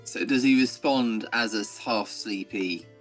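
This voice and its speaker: A man with a fairly low voice talks casually through a tabletop role-playing game. Clear music plays behind him. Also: a little slow.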